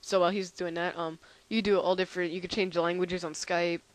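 A tired young man hosting a casual software demo, rambling and halting with lots of fillers. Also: high voice, little pitch movement, clear, resonant tone, no room sound, low-quality recording. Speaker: channel host.

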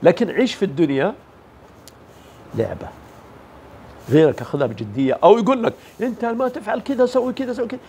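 Gravelly man giving motivational talk. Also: high voice, expressive, quick pace, long pauses, a little mellow, a little hiss or hum. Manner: emphatic, rhetorical questions, mimics other people. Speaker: motivational speaker.

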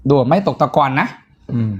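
A man with a northeastern Thai Isan accent giving a loud, excitable live-stream sales pitch, breaking into sudden high squeals. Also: moderate pace, highs cut off.

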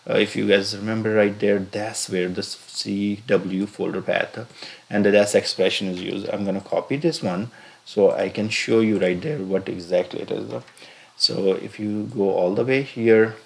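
A man narrating a screen-recorded software walkthrough as instructor, halting and full of filler sounds as he explains each step. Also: lowish voice. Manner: halting, many filler "uh"s and restarts. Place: voice-over recorded separately from the pictured screen.

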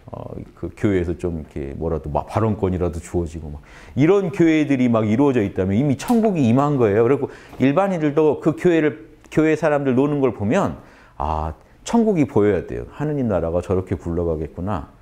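Mellow-voiced man giving a lively lecture. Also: fairly low pitch, brisk. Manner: talks to the audience with many rhetorical questions; lively, acts out quoted speech in changed voices. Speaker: lecturer on the Gospel of John. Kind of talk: conversational religious lecture.

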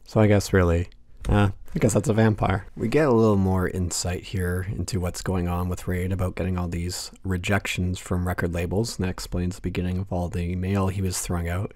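A man's voice: low voice, little pitch movement, fairly quick, a little mellow, no echo, clean studio sound. A man narrating a casual film commentary, amused and chuckling as he talks. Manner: amused, chuckles through lines. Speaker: video essay host.

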